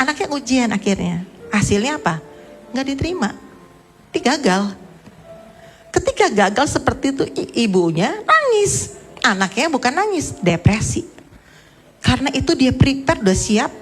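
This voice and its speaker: Woman pastor, middle-aged, sermon, lively swooping pitch, fairly high voice, storytelling with acted-out quotes. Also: normal speed, pauses often, soft background music. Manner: storytelling, acts out quoted voices, rising emphatic questions.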